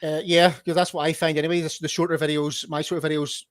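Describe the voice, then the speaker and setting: A man hosting a relaxed live podcast chat, his voice sitting a bit higher than most men's. He sounds chatty and encouraging and often stumbles over repeated words. The sound is close and dry, with no room around it. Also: fast talker, smooth, dry recording. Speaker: podcast host. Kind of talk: casual live-stream interview.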